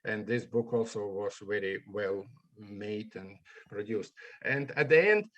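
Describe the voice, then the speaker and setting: A man from Estonia, an ornithologist, giving a presentation over a video call in halting with many fillers. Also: on the low side, expressive, fairly bright tone. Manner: halting, non-native English with fillers. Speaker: guest speaker, ornithologist. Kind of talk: remote presentation talk.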